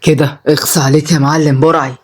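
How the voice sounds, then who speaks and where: Woman plays a joking young Egyptian man, lowered and playful. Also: level tone, quick pace, a little mellow, slightly rough. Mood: teasing. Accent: Egyptian Arabic. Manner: mocking, playful.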